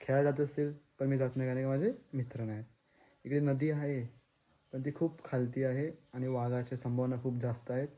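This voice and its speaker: A man's voice: mid-range voice, little pitch movement, brisk, mellow, poor audio. A young man casually vlogging from his village home, chatting and mixing in English words. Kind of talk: casual vlog chat. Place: village house.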